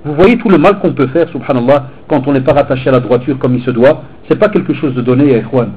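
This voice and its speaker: A man, a teacher and preacher, giving an animated, informal sermon to teenagers and mixing street talk with religious phrases. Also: medium pitch, quick pace, slightly rough, phone-quality sound. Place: hall in Belgium.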